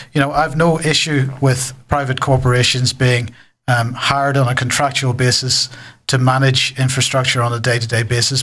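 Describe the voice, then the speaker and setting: Flat-voiced man commenting on the news. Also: medium pitch. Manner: discursive, with self-corrections. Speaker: news co-presenter.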